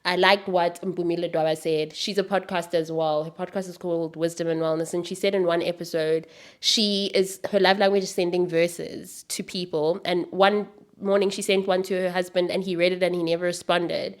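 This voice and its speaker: A woman's voice: fairly low pitch, brisk. Late-20s woman hosting a podcast, earnest and chatty, stumbles over her starts a lot. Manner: earnest, animated, repeats words when starting sentences. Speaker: podcast host. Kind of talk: casual conversational podcast chat.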